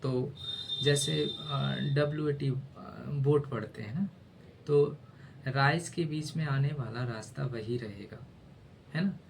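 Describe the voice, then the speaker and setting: Gravelly man teaching. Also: medium pitch, a little hiss or hum. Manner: explains slowly, spells letters aloud, keeps asking "है ना?". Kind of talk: casual spoken lesson.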